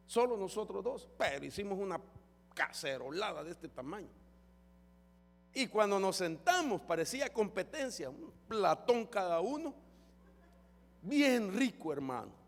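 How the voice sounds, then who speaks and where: High-voiced fervent male preacher. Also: sing-song, unhurried, gravelly, pauses often, soft background music. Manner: fervent preaching, keeps calling the listeners brother. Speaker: pastor. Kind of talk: sermon. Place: church hall. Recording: long church hall reverb.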